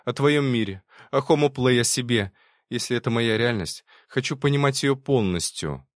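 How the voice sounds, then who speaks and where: A man's voice: mid-range voice, expressive, moderate pace, no echo, studio quality, natural voice. A man reading the lines of a shaken but resolute young woman in an audiobook. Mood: urgent.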